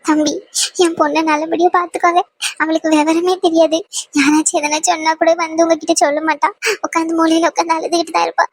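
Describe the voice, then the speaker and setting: A woman voicing an anxious, tearful mother of a new bride in a cartoon, pleading and repeating her worries in a high voice. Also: steady tone, fairly quick, lightly acted. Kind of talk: cartoon voice acting.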